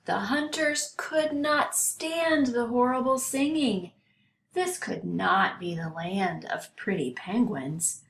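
An older woman reading a children's story aloud with measured, deliberate phrasing. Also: a little high, creaky, fairly bright tone. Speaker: storybook reader. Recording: roomy home recording, some hiss.

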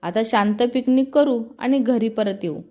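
A woman voicing a lively, chatty young woman who teases and fires off quick questions. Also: fairly high pitch, faint music behind, lightly acted. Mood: excited. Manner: bubbly, teasing, quick questions.

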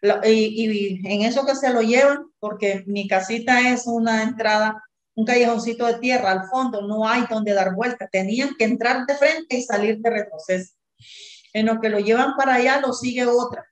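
A woman's voice: a little high, normal speed. Indignant woman in her fifties, roomy. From Nicaragua. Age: 50s. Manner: agitated, indignant, reenacts shouted dialogue. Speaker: interviewee, mother of detained student. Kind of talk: emotional eyewitness testimony.

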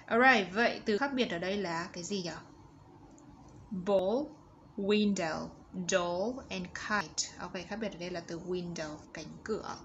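Woman teacher, patient slow word modeling, muffled audio, faint hiss. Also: lowish voice, fairly bright tone. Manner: models English words slowly for pupils to repeat. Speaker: English teacher for young children. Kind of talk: step-by-step exercise walkthrough. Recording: slightly dull audio with faint background noise.

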